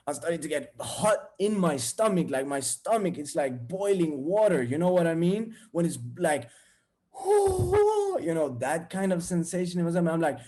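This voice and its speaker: A man's voice: on the high side, normal speed, few pauses, darkish tone. A young man, talking casually and bluntly to viewers, swearing freely as he tells a story. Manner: candid, blunt and profane. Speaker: vlogger.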